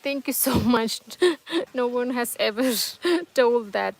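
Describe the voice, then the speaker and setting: With a fairly high voice, a slow pace, and some vocal fry, a woman hosts a casual livestream from her home. A native Tamil speaker, she reads out viewers' comments and chats hesitantly but reassuringly, with lots of fillers and restarts.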